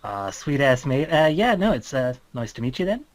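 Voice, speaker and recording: A man acts out an amiable animal-loving druid for a tabletop game. His rides on a lively, swinging pitch. He talks in a halting, colloquial, easygoing way, recorded dry. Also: no room sound, natural voice. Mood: laid-back, friendly. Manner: laid-back, halting, colloquial. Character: Marcus, easygoing, friendly male druid fond of animals. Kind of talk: improvised tabletop role-play.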